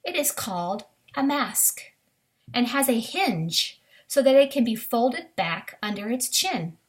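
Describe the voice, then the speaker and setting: A woman with a fairly high voice reads a children's nature book slowly, her pitch swinging widely. She talks to the young audience directly like a teacher giving a lesson, occasionally adding short asides beyond the text.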